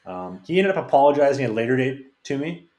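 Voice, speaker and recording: Man, podcast guest, casual rambling anecdotes, rapid talk, echoey room sound. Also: medium pitch, big pitch swings, darkish tone. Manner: rambling, frank anecdotes with many restarts. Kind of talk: casual storytelling. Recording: roomy echo.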